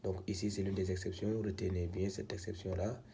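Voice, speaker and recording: A man with a deep, mellow voice teaches a reading lesson at an unhurried pace. He patiently sounds out each syllable and repeats it, linking his steps with calm explanations. A faint background noise sits under the recording. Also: gravelly. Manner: patient, repeats syllables one by one, frequent "donc".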